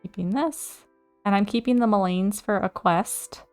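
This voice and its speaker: A woman talks through her gameplay in a loose, chatty way, thinking out loud and getting excited at surprises. Her pitch sits in the middle range. Soft music plays faintly behind her. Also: a little slow. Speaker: let's play host. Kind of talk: casual gameplay commentary.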